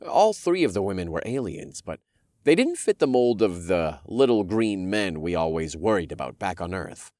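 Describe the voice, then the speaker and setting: A man's voice: low voice, very animated, normal speed, darkish tone, no echo, studio quality. A man narrating a fantasy audiobook in the first person, with wry storytelling.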